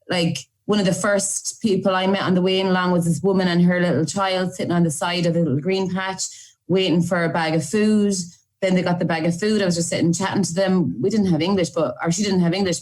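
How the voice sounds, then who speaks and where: A woman's voice: lowish voice, a little mellow. An Irish woman, an aid volunteer, recalling events in a chatty, run-on documentary interview. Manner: chatty, run-on storytelling with fillers.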